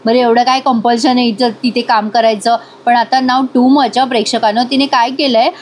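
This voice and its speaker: A woman's voice: fairly even intonation, moderate pace. A woman narrating a voice-over recap of a TV serial, chatting to viewers and briefly acting out the characters' lines. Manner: chatty, addresses viewers, switches into characters' lines with raised pitch.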